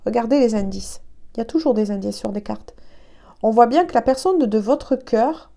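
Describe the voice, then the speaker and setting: In a slightly high, gravelly and warm voice at a moderate pace, a tarot card reader chats her way through a casual reading. She's hesitant, stuffed up from allergies, and keeps saying "hein".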